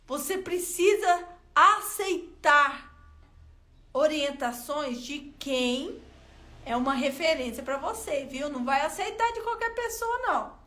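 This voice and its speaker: A woman with a Brazilian Portuguese accent giving a motivational self-help talk, telling a personal story in an expressive, colloquial way and speaking straight to her viewers. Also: high voice. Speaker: self-help content creator.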